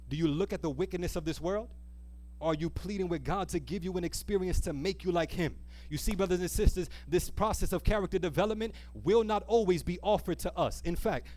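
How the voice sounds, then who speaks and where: At a live church service, a man with a high-sitting, brisk and slightly mellow voice preaches an earnest sermon. He reads scripture, puts rhetorical questions to his listeners and stretches out key phrases for emphasis.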